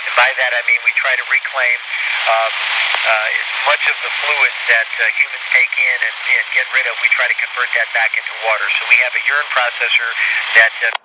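A man, an astronaut, explaining life on board in a measured way with many "uh" pauses, heard over a breaking-up space-to-ground radio link. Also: mid-range voice, flat delivery. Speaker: astronaut answering questions from the ground. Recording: lo-fi radio downlink under heavy static. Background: loud static hiss.

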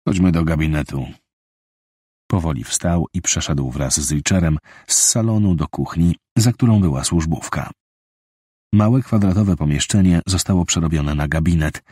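A man reads a thriller audiobook with a deep, slightly husky voice. His delivery is steady and measured, and the studio recording sounds dry and close. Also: no echo. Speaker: audiobook narrator. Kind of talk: scripted thriller narration.

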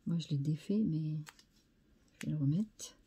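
A woman's voice: sits low, measured pace, creaky, warm tone, slightly rough. A French woman hosting a scrapbooking video, chatting casually as she shows craft mail and repeating how nice each piece is. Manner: chatty, enthusiastic, repeats "très sympa".

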